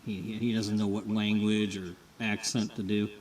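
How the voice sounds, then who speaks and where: A man's voice: lowish voice, flat delivery, normal speed, a little mellow, distant mic, slight background noise. A man telling a life-sim game story, making rambling, self-mocking asides between his character voices. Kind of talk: casual joking aside while voicing game characters.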